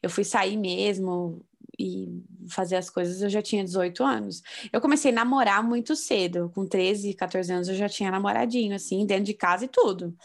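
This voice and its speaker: Brazilian woman in her 30s, calm and thoughtful, just chatting, mid-height voice. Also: mid-range voice, normal speed, creaky. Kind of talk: casual chat.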